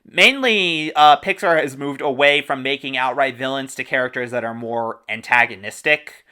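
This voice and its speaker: A man's voice: mid-range voice, pushed and bright, clear, resonant tone. A man hosting a casual movie discussion, enthusiastic and informative, sharing trivia about the cast. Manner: enthusiastic, informative, quick asides with laughs. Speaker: podcast host.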